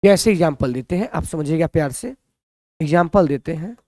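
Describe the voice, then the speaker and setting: A man's voice: a little high, expressive, brisk, dark tone, no room sound, clean studio sound. Man teaching maths. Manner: repeats questions to students and answers them himself. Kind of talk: blackboard maths lesson.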